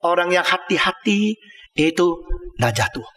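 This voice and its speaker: An older male pastor delivers an impassioned sermon in a high, bright, ringing voice. He swings from loud exclamations down to low murmurs. The sound rolls through a large hall with long reverb. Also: very animated, moderate pace.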